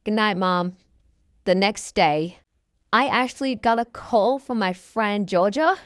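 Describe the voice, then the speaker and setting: A woman's voice: mid-range voice, lively intonation, unhurried, no room sound, clean studio sound. A young adult woman telling a personal story in a casual vlog, in simple, repetitive phrasing that often starts with "so".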